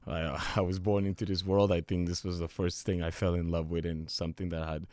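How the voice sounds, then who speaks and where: A man's voice: low voice, level tone, brisk, a little mellow, dry recording. A young man from South Sudan, a former footballer, telling his life story as an interview guest in an earnest, loose way with fillers. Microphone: studio microphone.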